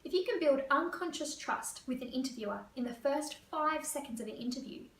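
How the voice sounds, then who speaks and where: A woman career coach from Australia, explaining interview tips to camera in a fast, lively way. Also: high voice. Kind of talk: teaching to camera. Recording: echoey room, voice a bit far.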